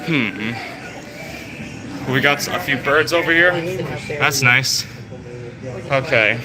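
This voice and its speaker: A man's voice: mid-range voice, takes it slowly. A young man casually rambling through a live walkthrough of a theme park, recorded outdoors on a handheld phone. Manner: rambling, chatty, lots of fillers. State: out of breath. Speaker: vlogger livestreaming a theme park walk. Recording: phone livestream outdoors with loud music. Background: loud park music.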